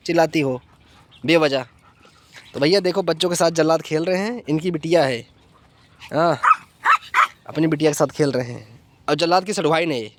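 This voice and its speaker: A man's voice: a little high, a little fast, long pauses, a little hiss or hum. A playful man from India talks, coaxing and teasing his pet dogs. He chats casually to his viewers as a vlogger, out of doors, and dogs bark around him. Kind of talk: casual vlog talk. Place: outdoors in the desert with dogs.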